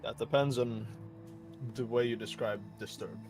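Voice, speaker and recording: Man player, mid pitch, measured speech, music clear behind. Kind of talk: casual tabletop chat.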